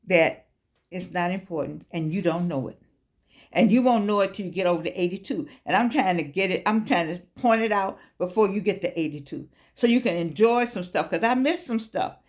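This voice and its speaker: A woman, giving a folksy, preachy motivational talk, repeating phrases and calling listeners baby. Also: medium pitch. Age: 80s. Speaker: life coach vlogger. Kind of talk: casual motivational talk to camera.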